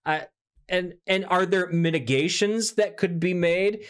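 A man's voice: sits high, fairly even intonation, a little slow, clear, resonant tone. A man hosting a podcast interview in a casual way, often adding "right?" and "you know". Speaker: podcast host.

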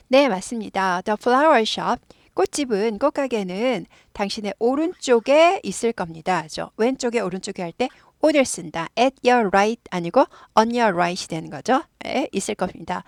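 A woman, a native Korean speaker, explains an English dialogue as a lively teacher who repeats phrases for drilling. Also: on the high side, no echo, clean studio sound.

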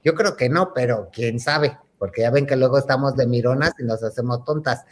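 A man's voice: mid-range voice, a little fast. A man telling a gossip story in a campy, theatrical way, calling his listeners "hermanitas". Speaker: host.

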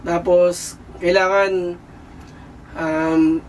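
A high-voiced young man talks about his work on board, hesitant and groping for words. He sits away from the microphone, and a faint hum runs under his answers. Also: level tone, extremely slow. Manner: hesitant, many fillers and restarts, searching for words. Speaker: cruise ship kitchen crew member. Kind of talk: casual interview answers. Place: aboard a cruise ship. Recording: distant mic with faint background noise.

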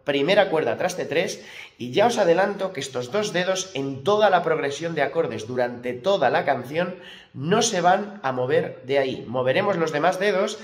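A man teaching guitar, stressing key points and voicing the strum rhythms aloud. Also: a little high. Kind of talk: guitar lesson explanation. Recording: roomy echo with acoustic guitar.

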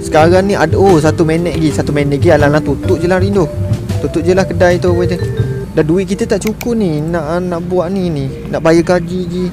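A man's voice: a little high, fairly even intonation, fairly quick, music in the background. A man with a Malaysian Malay accent giving casual, exasperated commentary while streaming a management game and talking to his viewers.

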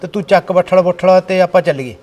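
In a village short film, a man acts as a grown village son organizing flood relief, scolding and bossy as he tries to persuade. He talks quickly in a high voice with a darkish, natural tone.

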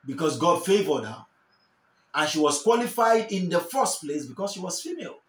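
A young Nigerian man preaches with fervour, his high voice rising and falling in wide sweeps. He repeats his key lines for emphasis. The sound carries the echo of a small bare room. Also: sing-song, moderate pace. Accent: Nigerian English. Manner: fervent, repeats key phrases, gestures while preaching. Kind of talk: sermon to camera. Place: small indoor room, seated in armchair.

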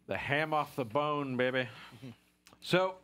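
A man's voice: a little high, slow, fairly bright tone, smooth. A man in his forties hosting a casual live-stream chat from a small studio on a headset mic, joking as he reads product copy aloud. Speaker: show host. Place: small studio room with posters and string lights.

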